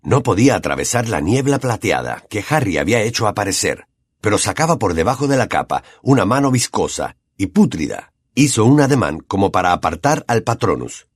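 A man with a Latin American accent narrating an audiobook with expressive, dramatic storytelling. His voice is somewhat husky and his pitch moves a lot, recorded dry and close. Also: fairly quick, no room sound. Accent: Latin American Spanish.

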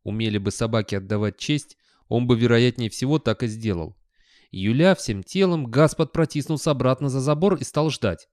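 A man with a medium-pitched voice reads an audiobook in scripted narration, measured and expressive. The recording is dry and of studio quality.

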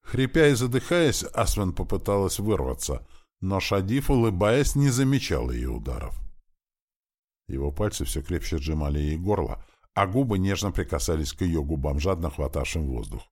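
Very deep husky male narrator. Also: moderate pace. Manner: dramatic, expressive reading. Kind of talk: audiobook narration.

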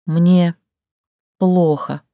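A woman reading an audiobook, voicing a frightened young heroine in a high, tearful, pleading voice. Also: expressive, slow, a little mellow, dry recording, studio quality.

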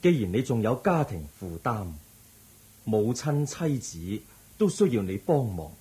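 A man acting the Buddha in a radio drama as a calm, compassionate teacher, measured and gently firm, with a Hong Kong Cantonese accent. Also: lowish voice. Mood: calm, inquiring.

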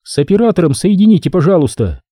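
Guy reading a bubbly pushy woman evidence tech, pitched way up, husky, dry audiobook sound. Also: sing-song, dark tone, no room sound. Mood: chipper. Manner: brisk, talkative, cheerfully pushy. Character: chipper, friendly female evidence-collection worker. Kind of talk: audiobook character voice.

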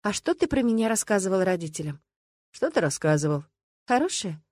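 A woman's voice: medium pitch, big pitch swings, fairly quick, a little mellow. A skeptical young woman who pushes back on what she hears, as a woman reads her aloud. She sounds like the reader's own plain voice. The recording is dry, with no room echo. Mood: playful. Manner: doubtful, challenging.

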